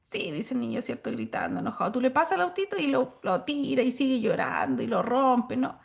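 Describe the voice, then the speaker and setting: A woman's voice: sing-song, fairly quick, vocal fry. A woman giving a recorded lecture to teachers, explaining step by step and checking in with listeners often. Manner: explanatory, checks in with frequent "¿ya?" and "¿cierto?"; acts out quoted lines in a higher voice. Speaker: course instructor. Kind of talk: recorded lecture on child behavior.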